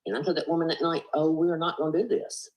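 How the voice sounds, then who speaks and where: A woman with a Southern US accent and a low-pitched, darkish voice talks fast with fairly even intonation. She's an earnest, rambling panelist on a live-stream group video call, sprinkling in fillers and "you know." The sound comes from a laptop or phone mic and is low quality.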